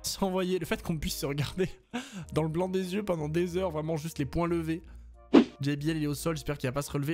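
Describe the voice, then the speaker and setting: Lively French-speaking man narrating his gameplay. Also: fairly high pitch. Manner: animated, joking, swears freely. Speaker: let's play host. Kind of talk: casual gameplay commentary.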